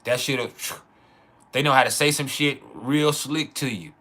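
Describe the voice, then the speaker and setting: A man with a bright, forceful voice at a middling pitch hosts a casual livestream monologue. His talk is slangy and full of swearing, and he repeats key phrases to drive them home. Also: unhurried. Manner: profane, slangy. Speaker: astrology livestream host.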